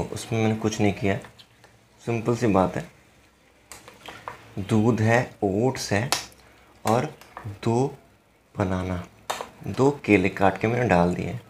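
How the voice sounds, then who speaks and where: A man's voice: mid-range voice, slight background noise. A young man chatting casually to his phone camera as a fitness vlogger in a small room, mixing in English phrases. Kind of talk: casual vlog chat to camera.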